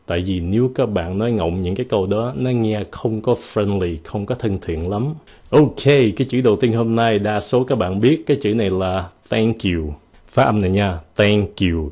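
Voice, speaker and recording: A young man from Vietnam gives a relaxed video lesson on polite English. His voice sits low and sounds mellow and warm. He talks playfully and models phrases with varied intonation. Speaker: English teacher.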